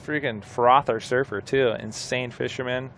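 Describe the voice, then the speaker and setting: A man with a medium-pitched voice chats casually as a surf contest co-commentator. His talk is relaxed and thick with surfer slang. There is noticeable outdoor noise around him. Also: moderate pace. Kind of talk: casual live commentary and chat.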